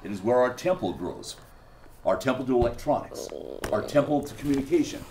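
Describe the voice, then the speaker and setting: A man's voice: medium pitch, lively intonation, fairly quick, a little mellow, reverberant, a little hiss or hum, voice pushed up, natural voice. A man voicing a solemn castaway professor who preaches to a small cult.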